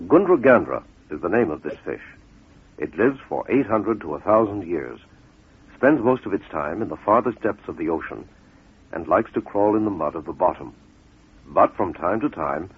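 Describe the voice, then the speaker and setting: This muffled radio clip features a man's deep, slightly rough voice recounting a fable. He performs it as a scripted dramatic storyteller would, with deliberate, measured phrasing and well-placed pauses for effect.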